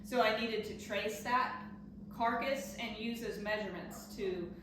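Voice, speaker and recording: A woman's voice: fairly high pitch, unhurried. Woman explaining in a very echoey room. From Southern United States. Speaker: taxidermist being interviewed. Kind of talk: casual explanatory interview talk. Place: echoey indoor workshop. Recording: very echoey, distant mic, noisy room.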